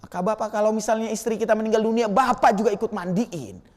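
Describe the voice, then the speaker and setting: A man's voice: high-pitched, fast. A man preaching a sermon in a mosque, talking colloquially and addressing his listeners directly. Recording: echoey mosque hall.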